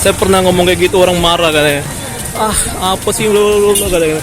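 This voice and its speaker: A vlogger from Jakarta, Batak accent evident, walks a busy outdoor city street talking casually to his viewers, whom he treats as friends. His voice is high and his pace quick. Background sounds include the street crowd and music.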